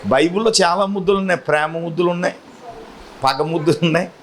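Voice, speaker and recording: A male pastor preaching a sermon, telling the story with acted-out dialogue and calling on the congregation to answer back loudly. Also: fairly high pitch, quick pace. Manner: call-and-response, urging the congregation to answer loudly.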